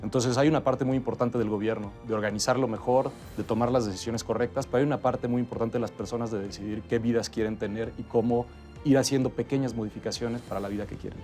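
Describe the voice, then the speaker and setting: A man, a guest in an interview, explaining transport policy in a steady, methodical way. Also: mid-range voice, fast talker, soft background music. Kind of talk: interview answers.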